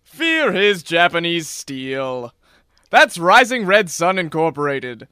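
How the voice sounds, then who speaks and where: A man's voice: big pitch swings, slow, sharp tone, clean tone, dry recording, clean studio sound, exaggerated voice. A man doing a hard-sell announcer voice in a spoof infomercial within a radio comedy. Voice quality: hard-sell, booming salesman delivery. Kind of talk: mock infomercial pitch.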